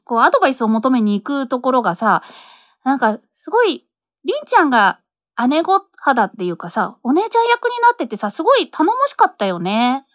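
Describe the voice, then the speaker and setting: A woman's voice: sits high, very animated, brisk, no room sound, studio quality. A woman hosting a talk segment after a radio drama, chatty and enthusiastic. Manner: chatty, lots of fillers, enthusiastic. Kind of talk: casual chat.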